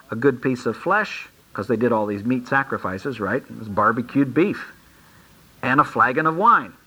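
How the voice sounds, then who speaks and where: A man's voice: medium pitch, sharp tone, rough recording. A man preaching a sermon, reading Bible verses aloud and explaining them in plain, folksy asides. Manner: reads verses aloud, then comments.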